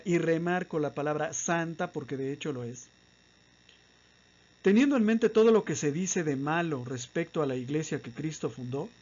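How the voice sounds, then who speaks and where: High-voiced man lecturing with rhetorical questions. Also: darkish tone, muffled recording. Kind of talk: apologetics lecture.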